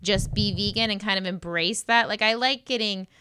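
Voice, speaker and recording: A woman's voice: medium pitch, normal speed, sharp tone, smooth, no echo, studio quality. A woman co-hosting a podcast, chatting casually and throwing in joking asides. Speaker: podcast co-host. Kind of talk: casual chat.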